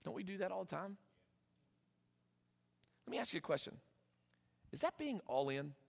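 High-voiced pastor preaching in a reverberant hall. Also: male voice, sing-song, normal speed, creaky. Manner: conversational preaching, acting out biblical dialogue. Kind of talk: sermon. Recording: echoey hall with long reverb.

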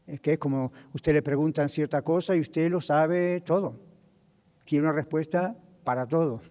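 A man's voice: a little high, darkish tone. A man preaching a sermon, asking his listeners questions and answering them himself, now and then dropping in an English word. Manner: drops in English words. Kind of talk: sermon to a congregation. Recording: reverberant hall.

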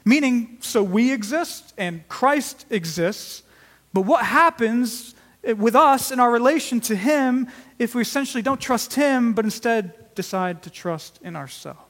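High-voiced preacher in a reverberant hall. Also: male voice, lively intonation, a little slow, a bit bright. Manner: earnest, emphatic preaching with swells in volume. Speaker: pastor. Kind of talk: sermon.

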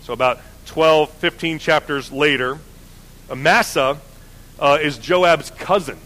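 A man's voice: on the high side, a little slow, a bit bright, low-quality recording. Casual, conversational Bible teacher, man. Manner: conversational, self-correcting, many fillers.

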